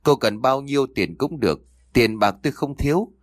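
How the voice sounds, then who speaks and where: A man's voice: medium pitch, expressive, normal speed, no room sound, natural voice. A man voicing an arrogant, cold young husband, speaking contemptuously through gritted teeth in a storybook reading.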